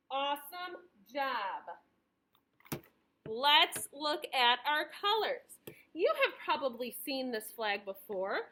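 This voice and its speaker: A woman speaks like a preschool teacher reading to a toddler. Her voice is high and bright, swinging widely in pitch as she stresses key words. She uses simple, encouraging phrases and leaves room for little ones to respond. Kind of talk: lesson for young children, speaking as if reading to a toddler.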